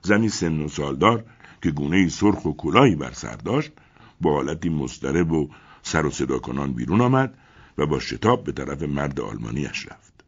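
Deep husky male storyteller. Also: highs cut off. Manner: expressive, rising and falling storytelling. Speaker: audiobook narrator. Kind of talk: dramatic story reading.

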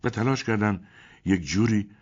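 A man narrating a story in an expressive, dramatic reading. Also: fairly low pitch, dull audio. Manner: expressive, rising and falling storytelling. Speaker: audiobook narrator.

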